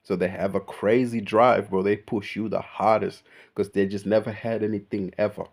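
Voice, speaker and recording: A young vlogger, born in Kenya and raised in Australia, rants through a casual, unscripted monologue, emphatic and packed with slang, repeatedly saying "bro." His voice is fairly low, gravelly, and level in tone, at a moderate pace.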